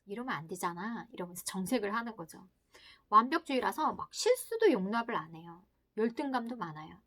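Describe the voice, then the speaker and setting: A woman giving an explanatory talk on parenting psychology from a book, acting out inner voices and dropping into hushed whispered asides. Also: fairly high pitch, big pitch swings, a little fast.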